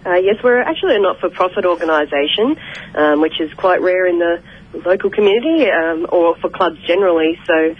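A woman's voice: fairly low pitch, brisk, breathy edge. A woman speaking by telephone in a radio interview, polite and hesitant with many fillers. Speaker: sports club representative. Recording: muffled phone line.

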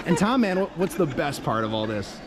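A man's voice: a little high, sing-song, brisk, a loud crowd. A man in his thirties vlogging casually outdoors at a temple site, upbeat and chatty, with frequent laughs, filmed on a camera at arm's length. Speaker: travel vlogger. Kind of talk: casual travel vlog. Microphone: handheld action camera at arm's length. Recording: loud outdoor background noise. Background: loud outdoor street noise.

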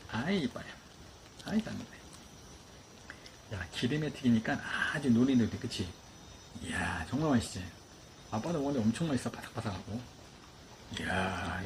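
A man's voice: mid-range voice, animated, normal speed, long pauses. A man talking casually to his pet dogs in cooing baby talk as he feeds them. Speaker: dog owner vlogger. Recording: clear background noise.

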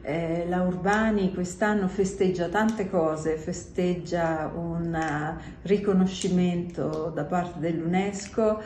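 A middle-aged woman, a company president, speaking in a recorded video message with a measured, unhurried delivery and some hesitations. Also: fairly low pitch, fairly even intonation, darkish tone. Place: indoor office or room. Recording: echoey room, faint background noise.

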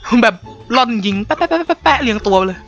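A man chatting excitably and swearing while playing an online game with friends, with game music behind him. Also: very high-pitched, fast talker, lo-fi sound. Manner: excitable, swearing, laughing banter. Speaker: gaming YouTuber. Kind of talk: casual gaming chat.

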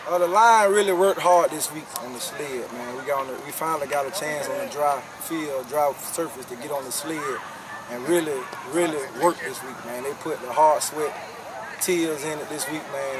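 A young man, a youth football coach giving a postgame interview outdoors at night, repeating words and adding "man" often. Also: fairly high pitch. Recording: distant mic with crowd behind.

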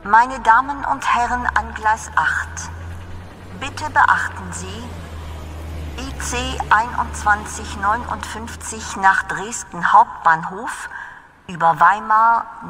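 A woman voicing a railway announcer, making flat, formal, measured platform announcements. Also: medium pitch, a little hiss or hum. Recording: long reverberant station PA.

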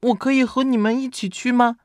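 A man squeaking as a tiny eager anteater little brother. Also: fairly quick, no echo, clean studio sound. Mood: pleading. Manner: high, excited calls.

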